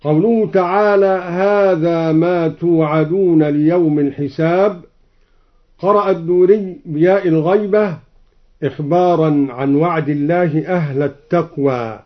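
A man teaching Quranic reading variants, explaining each in measured speech and then chanting the verse melodically. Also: fairly high pitch, lo-fi sound.

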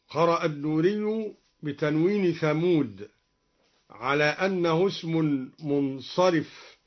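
A man teaching variant readings of scripture, explaining in a lecture voice and chanting the verses slowly and melodically. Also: on the high side, dull audio. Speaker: Quran recitation teacher. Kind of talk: lesson with chanted recitation.

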